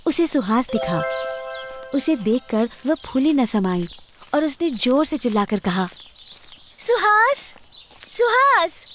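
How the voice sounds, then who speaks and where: A woman telling a moral story in a steady, scripted narration. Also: on the high side. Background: background music.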